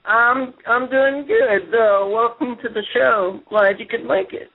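A man hosting a casual call-in radio show over a speakerphone, talking loosely with many fillers and pauses. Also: very high-pitched. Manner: loose, filler-heavy, halting. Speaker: internet radio host. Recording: tinny speakerphone audio.

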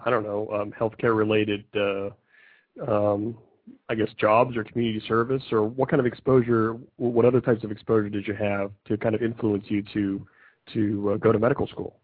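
A man's voice: lowish voice, no room sound. A man hosting a podcast, asking questions hesitantly with many uhs and restarts. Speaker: podcast host. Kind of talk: casual interview questions. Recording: dry, phone-like narrow sound.

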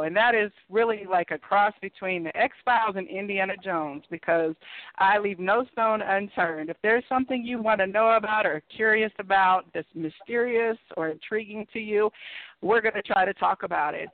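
A woman's voice: medium pitch, no room sound. A woman hosting a call-in psychic talk show in a chatty, upbeat way. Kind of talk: casual radio-show hosting. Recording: dry, tinny phone line.

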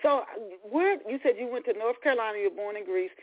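A woman hosting a radio interview, talking in a halting way and often repeating her words. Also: a little high, animated. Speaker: radio show host. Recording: tinny phone-like radio sound.

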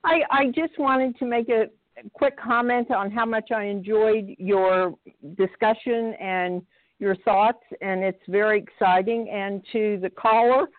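A woman phones in to a radio talk show, her voice coming through a thin, tinny phone line with a dry, close sound. She chats warmly and thinks aloud, at an ordinary middle pitch for a woman. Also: fairly even intonation, measured pace, no room sound. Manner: warm, chatty, laughs easily, muses aloud. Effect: caller heard over a phone line. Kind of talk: casual call-in chat.

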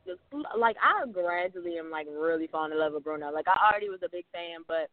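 High-voiced man chatting on a podcast. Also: a crowd in the background. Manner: animated, talks fast with many "like" fillers. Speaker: podcast co-host. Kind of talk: casual chat. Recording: dry phone-like sound.

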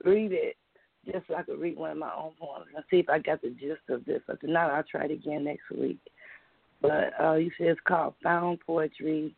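A woman calling in to a radio show, her voice thin and tinny like through a tin can phone, talking in a halting way as she searches for words. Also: deep voice, vocal fry, husky, dry recording. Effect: tinny phone sound, like a tin can phone. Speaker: caller. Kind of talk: call-in poetry reading.

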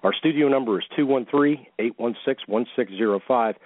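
A man's voice: medium pitch, a little fast, no room sound. Phone-line ringmaster-style male radio host. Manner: ringmaster-style showman announcing. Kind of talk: live wrestling talk radio hosting.

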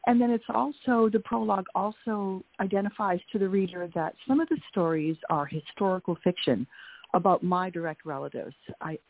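Over a tinny phone line, a middle-aged Canadian author appears as an interview guest, telling her family story and often repeating words as she remembers. Her voice is mid-range at a moderate pace.

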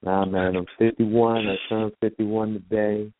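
A man in his fifties, a radio guest, talking in an unhurried, reflective way. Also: lowish voice, level tone, very noisy. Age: 50s. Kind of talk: casual radio talk. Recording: dry phone-line call audio.

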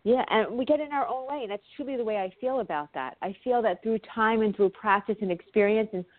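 A New York woman talks quickly and sincerely as an interview guest, dropping in the occasional um. Her voice is close and dry with no room sound. It comes through a narrow, phone-like line. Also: a little high, no echo. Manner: quick, heartfelt talk with ums. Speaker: guest, animal communicator. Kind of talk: casual interview chat.

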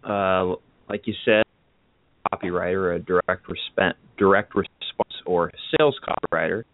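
A man being interviewed as a copywriter over a call whose audio keeps breaking up, explaining things in a relaxed way with restarts. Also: deep voice, noisy background. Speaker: guest copywriter. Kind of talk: casual interview chat. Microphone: phone or internet call. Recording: tinny, dry phone-call line.

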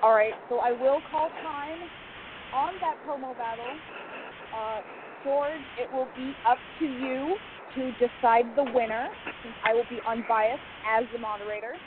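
A woman's voice: a little high, fairly even intonation, normal speed. A woman hosting a radio show, moderating a wrestling interview and putting questions to the guests. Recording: tinny phone-like sound with hiss.

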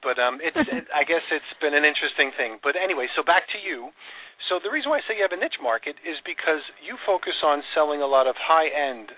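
A man's voice: a little high, animated, fast talker. A man hosting a radio talk show, chatting casually and rambling a little with fillers as he introduces his guest over a phone line. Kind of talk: casual interview chat.

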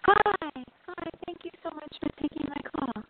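A woman's voice: sits high, normal speed. A woman calling in to a show, polite and eager, her words breaking up and cutting off at the ends as the line drops out. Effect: choppy phone line cutting out, words dropping off at the ends. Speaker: caller. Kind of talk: call-in chat. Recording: tinny phone line with faint noise.

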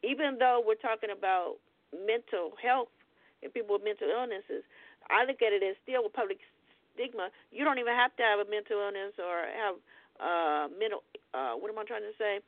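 A woman's voice: medium pitch, normal speed, dry recording. Woman radio host on a tinny line. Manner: reads definitions aloud, then explains casually. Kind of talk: radio talk show discussion. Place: radio studio.

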